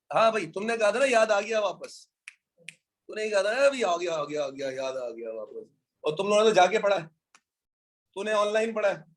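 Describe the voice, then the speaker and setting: A man's voice: sits high, fairly bright tone. A man lecturing an economics class in an informal way, teasing his students and calling them brother and son.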